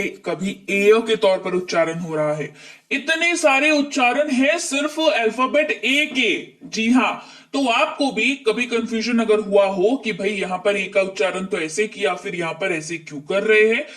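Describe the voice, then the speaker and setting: A man teaching an online English spelling lesson, often repeating words and asking quick rhetorical questions to quiz his viewers. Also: sits high, fairly bright tone, far from the mic.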